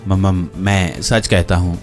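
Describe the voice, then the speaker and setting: A young prisoner who stammers timidly and plays innocent, as a male narrator voices him. His halting, wide-eyed delivery hides a sly streak. Faint music hums under the storybook reading. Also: medium pitch, animated, a little mellow, close to an everyday voice. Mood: stammering timid.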